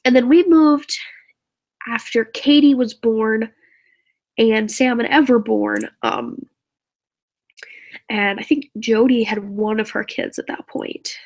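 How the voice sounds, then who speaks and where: A woman's voice: fairly high pitch, slow, vocal fry, long pauses, darkish tone, poor audio. A teenage girl from Indiana chatting on a live stream, rambling and giggly with lots of fillers and asides. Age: teens. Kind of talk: casual live-stream chat.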